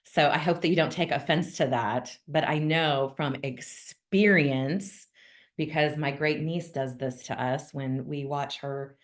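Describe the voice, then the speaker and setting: A woman with a low voice hosts a relaxed online members' call. She talks in a chatty, upbeat way, says things straight, and fills her pauses with ums. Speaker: host of a monthly call for notaries. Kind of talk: casual video-call chat.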